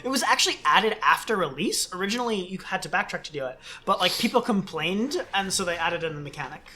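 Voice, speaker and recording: A woman's voice: lowish voice, lively intonation, fast talker, bright, forceful tone, faint music behind. A woman giving casual video game commentary, explaining how it works as she plays. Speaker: let's play host playing the game.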